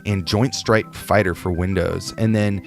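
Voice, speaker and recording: A man's voice: low-pitched, unhurried, vocal fry, faint music behind. A man co-hosting a podcast in casual, chatty talk with plenty of fillers. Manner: relaxed, chatty, with many fillers. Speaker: podcast co-host. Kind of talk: casual chat.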